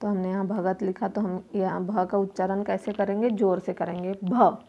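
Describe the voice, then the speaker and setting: A woman's voice: medium pitch, flat delivery, moderate pace, gravelly, dark tone, muffled recording. A woman teacher, patiently walking young children through a workbook and sounding out each letter aloud. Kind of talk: primary school lesson walkthrough.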